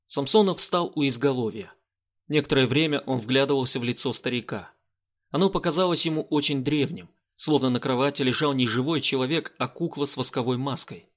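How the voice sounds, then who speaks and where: Guy reading an audiobook, steady, middle pitch. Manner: steady reading with voiced dialogue. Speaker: audiobook narrator. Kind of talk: scripted narration.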